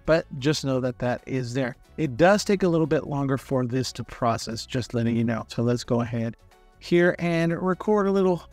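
A man calmly explaining software step by step in a screen-recorded tutorial, in a relaxed, friendly way. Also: medium pitch, normal speed, faint music behind.

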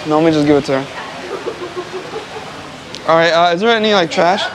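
The recording is low quality, with a crowd audible in the background along with traffic and street noise. Speaking briskly in a fairly high voice, an American travel vlogger on a busy city street explains local food and words to his viewers.

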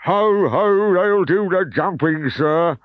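A man reading a storybook, voicing a huge, mean male gladiator trainer in a very high, loud, snarling voice. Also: takes it slowly, no echo. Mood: gloating. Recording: dull, dry recording.

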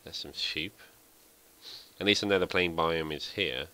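A man with an extremely deep yet bright, forward voice talks through his game in a loose, rambling way. He thinks aloud and pokes fun at himself as he goes, like a let's play host chatting to viewers. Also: a little slow. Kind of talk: casual gameplay commentary.

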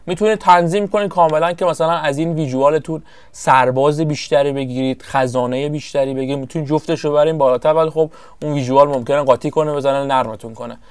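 A man giving casual, rambling commentary over his own strategy game session, often pausing to search for the right word. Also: on the high side, steady tone, clean tone, no echo. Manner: chatty, rambling, searches for words. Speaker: gameplay commentator.

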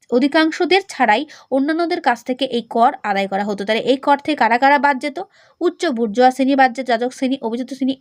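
A woman teacher talks fast in a high voice. She explains a point and then quizzes the listener on it. The sound is dry and close, with no room echo. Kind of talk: classroom lecture.

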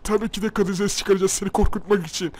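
A man's voice: sits high, steady tone, quick pace, darkish tone, a little hiss or hum, voice pushed down, lightly acted. A man voicing wicked witches in a game video, taunting and cackling. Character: wicked cackling witches faking women's voices.

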